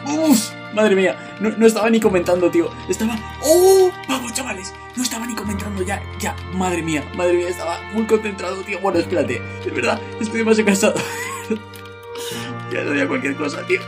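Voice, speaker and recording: A young man from with a high, animated voice rattles off rapid, frantic gameplay commentary, repeating words in bursts and breaking into shouts. Music plays clearly behind him throughout.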